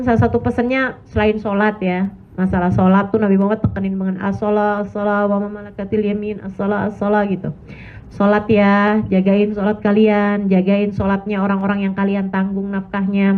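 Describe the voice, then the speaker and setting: A middle-aged woman preaching to women in a chatty, lively storytelling way, acting out the people she quotes. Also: medium pitch. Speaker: Islamic preacher. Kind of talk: religious talk to women. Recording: tinny phone-like recording.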